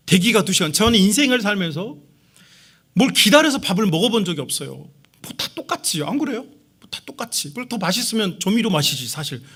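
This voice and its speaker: A man's voice: high voice, a bit bright. A middle-aged male pastor preaching a sermon, emphatic and calling out to the congregation again and again. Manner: emphatic, repeatedly addressing the congregation.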